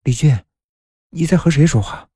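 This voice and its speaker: A panicked young office woman, as a man puts her on, cries out in a thin, strained voice that climbs well above his own. The tone stays husky and dark, recorded dry and close. Faint music runs underneath this horror audiobook. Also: on the high side, moderate pace, no room sound, pitched above the performer's own voice. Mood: uneasy. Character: frightened young woman, office worker, first-person heroine.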